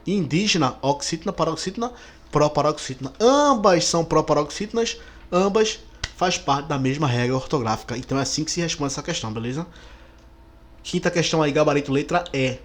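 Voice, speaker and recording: Lively Brazilian exam-prep teacher. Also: male voice, fairly high pitch, fairly quick. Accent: Brazilian Portuguese. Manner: lively, stretches key words, checks in with the class. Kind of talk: explaining exam questions.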